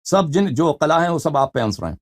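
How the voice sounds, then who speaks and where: A man's voice: a little high, expressive. A man hosting a live call-in debate, combative and interrupting, scolding his opponent. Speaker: host.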